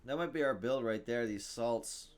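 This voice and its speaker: Casting: male gaming streamer, mid-pitched, muttering his way through game choices and reading cards aloud. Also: moderate pace. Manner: thinks aloud, reads item text, groans at bad luck. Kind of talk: casual gameplay commentary.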